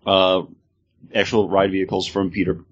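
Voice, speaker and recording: Low, husky American man explaining enthusiastically. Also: little pitch movement, normal speed, highs cut off. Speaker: podcast co-host. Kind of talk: casual informative chat.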